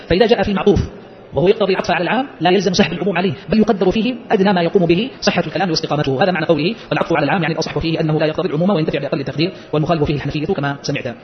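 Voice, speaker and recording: Speaking at a rapid clip, an Islamic jurisprudence teacher works through a legal-theory text and keeps testing his audience with brief rhetorical questions. He has a high voice, and the audio is a bit muffled.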